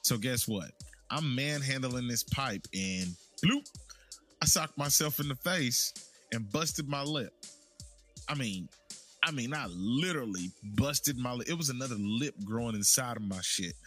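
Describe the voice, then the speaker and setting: A man's voice: mid-range voice, moderate pace, fairly bright tone, faint music behind. A man casually telling a long personal story about his work, rambling with restarts and repeats. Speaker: storyteller recounting work life.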